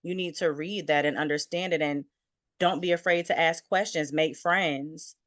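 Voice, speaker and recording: A woman working as an insurance claims adjuster, giving steady advice as an interview guest and often saying "you know". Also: sits low, normal speed, no room sound. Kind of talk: interview conversation.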